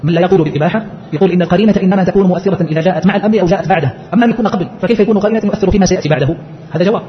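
Speaking very fast in a high-pitched voice, a man teaches and explains a scholarly text, tossing in rhetorical questions along the way. The lecture is captured in a muffled, lo-fi recording.

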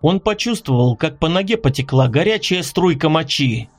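Male audiobook narrator, dramatic and expressive, slightly high voice, faint music bed. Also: normal speed.

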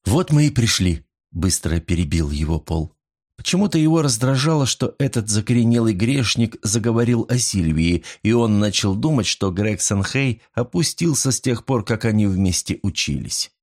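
Low-voiced male audiobook narrator. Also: animated, normal speed, darkish tone.

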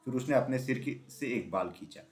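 A man's voice: medium pitch, brisk. Man reading a children's story aloud. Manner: steady, drops voice on dialogue tags. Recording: roomy echo.

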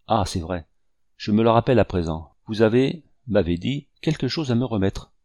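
Un homme qui prête sa voix à une jeune femme ardente et émotive, dans un livre audio. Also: male voice, on the low side, animated, normal speed, darkish tone, no echo, clean studio sound. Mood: eager. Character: young woman, eager, emotional, noble-hearted.

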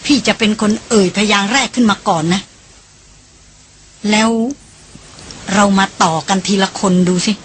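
Woman voicing a young man, eldest brother, calm, hushed, measured, audiobook. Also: mid-range voice, a little hiss or hum, lightly acted.

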